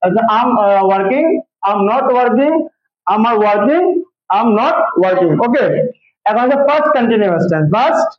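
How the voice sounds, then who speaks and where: A man's voice: very high voice, expressive, a little slow, lo-fi sound. A man teaching an English grammar lesson to a class, repeating each example and asking students to say it back with him. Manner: drills students with repeated call-and-response questions.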